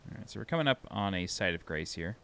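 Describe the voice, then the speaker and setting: A man with a New York accent narrates his gameplay in a loose, chatty way, thinking aloud and poking fun at himself. His voice sits low with a gravelly edge, and he sounds a little tired. Faint noise hums under the recording. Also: lively intonation, fast talker, pushed and bright. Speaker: game walkthrough narrator. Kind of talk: casual gameplay commentary.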